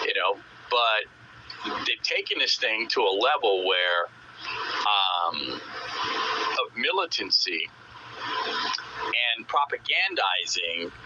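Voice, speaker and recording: A man talking over a muffled CB radio with faint static behind him. His voice is very bright and sharp-edged. He rambles, swears freely and piles up fillers and restarts. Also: medium pitch. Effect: heard over CB radio. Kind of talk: casual radio chat.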